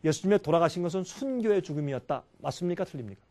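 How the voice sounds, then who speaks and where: High-voiced man preaching a sermon. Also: expressive, very fast, warm tone. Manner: acts out quoted voices, asks the congregation questions. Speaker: pastor.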